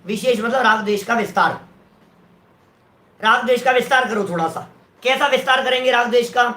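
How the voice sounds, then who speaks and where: A man's voice: very high voice, a little fast, bright, forceful tone. A man giving a religious scripture lecture in an explanatory way, often checking that his listeners are following. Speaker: scripture teacher. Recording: roomy echo.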